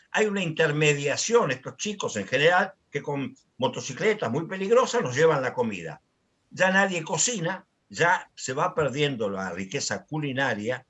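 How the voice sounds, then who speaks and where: An older man talks through his ideas in a conversational lecture. His voice is husky and breathy, and his pitch moves a lot as he leans into key points. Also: a bit bright. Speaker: lecturer in a dialogue series.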